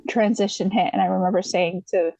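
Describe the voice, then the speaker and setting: A woman's voice: mid-range voice, steady tone, fairly quick, gravelly, mellow, dry recording, low-quality recording. Dry-sounding woman from the USA, rambling. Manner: rambling, many fillers and restarts; laughs lightly while telling. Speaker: podcast guest. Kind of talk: casual storytelling.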